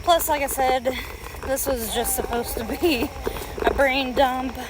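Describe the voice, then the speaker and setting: Female podcast host, unhurried casual brain-dump delivery on a walk outside, very noisy outdoor recording with leaves crunching. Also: high-pitched, steady tone. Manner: musing aloud while walking. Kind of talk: casual unscripted podcast monologue. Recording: outdoor walking recording, loud ambient noise. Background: crunching dry leaves underfoot, outdoor noise.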